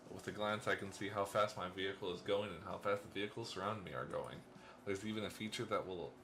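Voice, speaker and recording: A deep-voiced man reads a visual novel's narration aloud for a let's play, slipping in playful asides and small laughs. His voice sits low, with faint noise behind it. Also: a bit bright. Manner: first-person game narration, playful asides and chuckles.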